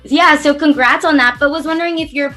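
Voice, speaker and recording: A woman's voice: high-pitched, brisk, bright, forceful tone, soft background music. A woman hosting an entertainment interview, asking questions in a chatty, upbeat way. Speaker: interview host.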